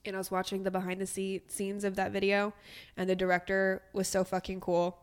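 A woman co-hosting a podcast in casual chat, talking fast and loose with plenty of swearing and "like" fillers. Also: medium pitch, completely flat delivery, clear, resonant tone. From Vietnamese family. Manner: chatty, swears freely, lots of "like". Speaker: podcast co-host.

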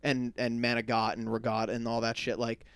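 A man's voice: mid-range voice, fairly quick, clear, resonant tone. A man co-hosting a casual podcast, telling stories with lots of swearing and imitating his relatives. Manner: animated storytelling, profane, mimics relatives. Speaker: podcast co-host.

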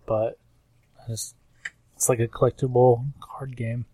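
A man in a casual gaming chat, talking in a thoughtful, measured way about toys and games. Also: mid-range voice, level tone, dark tone, breathy edge, recorded from a distance, poor audio.

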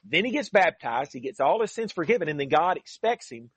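A man's voice: a little high, big pitch swings, brisk, fairly bright tone, slightly rough, no echo. A man teaching the Bible on a call-in radio program, earnest and emphatic as he reads and explains scripture.

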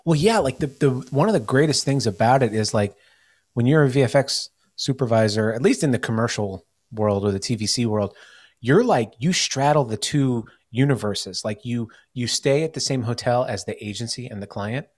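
A man's voice: mid-range voice, expressive, moderate pace, a little mellow. An American man hosting a podcast in casual chat, rambling with many fillers and restarts. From United States. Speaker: podcast host.

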